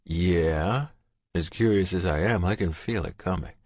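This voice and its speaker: A man with a very deep, low voice narrates a romance audiobook in the first person, gruff and intense. The read is dry and close with no room sound. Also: unhurried, darkish tone, no echo.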